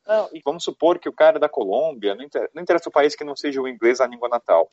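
A man hosting a casual chat, talking in an animated way and handing out advice. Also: mid-range voice, very fast, no room sound. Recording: dull lo-fi audio.

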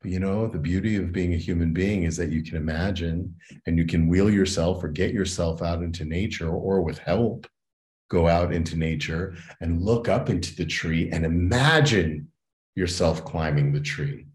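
Low-voiced male guest, an earnest educator, unhurried and reflective. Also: a little mellow. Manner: earnest and reflective, often adds "right?". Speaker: educator and consultant, interview guest. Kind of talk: interview conversation.

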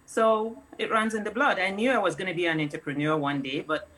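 A middle-aged woman from Nigeria, a food company founder, talks in a relaxed conversational way. She tells stories at an easy pace and laughs often. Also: on the low side, fairly quick, rough recording. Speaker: guest, snack company founder. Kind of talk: casual interview.

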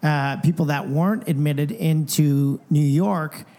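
A man co-hosting a podcast, chatting casually and telling lively anecdotes. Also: fairly high pitch, measured pace. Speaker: podcast co-host. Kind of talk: casual chat.

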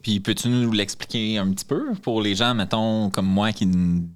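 A man's voice: on the low side, normal speed. A man with a Quebec French accent, chatting casually in a group conversation. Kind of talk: casual chat.

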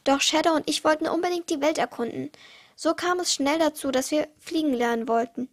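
High-pitched and brisk, a teenage girl reads aloud her own short stories for her podcast. She stumbles in small ways and restarts, leaving the pace uneven.

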